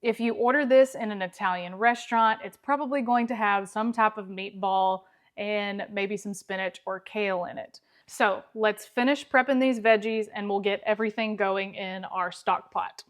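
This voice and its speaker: A woman's voice: medium pitch, fairly even intonation, moderate pace, hardly any pauses. A woman hosting a home cooking video, explaining each step in a friendly, conversational way from her kitchen. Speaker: cooking channel host. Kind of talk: casual cooking demonstration.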